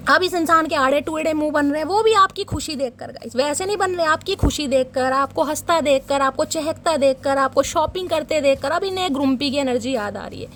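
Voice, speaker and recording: A woman's voice: high-pitched, a bit bright, a little hiss or hum. A woman reading tarot cards for her viewers in a teasing, dramatic way. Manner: teasing, dramatic, addresses viewers as guys and darling. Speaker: tarot reader.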